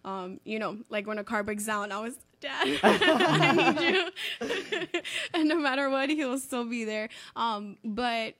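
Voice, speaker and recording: A woman's voice: fairly high pitch, animated, takes it slowly, fairly bright tone. A young woman from Miami, talking casually as a guest in an interview, with lots of "like" and "um" fillers. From Miami, United States. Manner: chatty, uses lots of "like" and "um" fillers.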